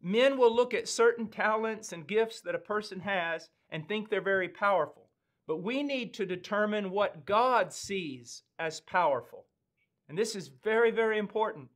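A man in his fifties with an American accent, preaching a sermon in a slow, earnest, emphatic way with weighty pauses, seated in a studio. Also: high-pitched, lively intonation, fairly bright tone. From United States. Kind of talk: sermon teaching. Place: studio with dark backdrop, indoors.

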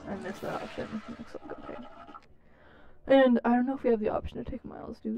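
Lisping woman, lively, mellow voice. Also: very deep voice, a little fast, creaky, highs cut off. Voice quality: lisp. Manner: nervous, self-conscious chatter. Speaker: let's play gamer. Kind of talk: casual game commentary.

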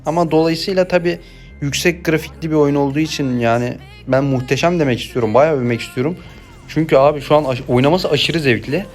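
A young man talks over his own mobile game match. His voice sits a little high, and he moves from easy, chatty remarks to excitable bursts of play-by-play. Game music plays faintly underneath. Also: fast talker. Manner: excitable, swings between chatty asides and shouted play-by-play. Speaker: gameplay streamer. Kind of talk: live gameplay commentary.

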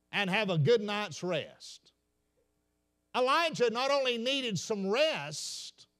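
A man, a senior pastor, preaching a sermon in a folksy storytelling way and calling out to "ladies and gentlemen.". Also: very high-pitched. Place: church sanctuary.

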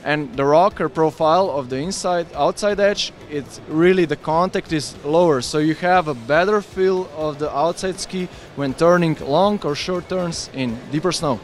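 Eager man pitching skis at a trade fair. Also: normal speed, hardly any pauses, slight background noise. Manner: enthusiastic, explains with hand gestures. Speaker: ski brand representative. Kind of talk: trade fair product interview. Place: busy indoor trade fair hall. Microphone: handheld interviewer mic with windscreen.

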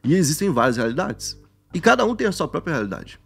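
A man co-hosting a podcast in casual chat, slangy and animated, often acting out other people's voices. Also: fairly high pitch, fast talker, creaky, breathy edge, faint music behind. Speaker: podcast co-host.

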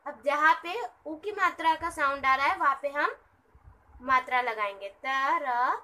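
A woman teaches young children, breaking every word into syllables. Her voice is high and bright, and she speaks very slowly. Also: poor audio. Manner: sounds words out syllable by syllable. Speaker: teacher of a kids' channel. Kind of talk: children's writing lesson.

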